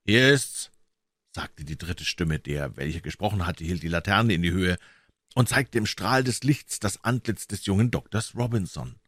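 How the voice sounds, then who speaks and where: Man, very low voice, measured storytelling, dry close sound, audiobook reading. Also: dry recording. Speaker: audiobook reader. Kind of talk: reading a classic novel aloud.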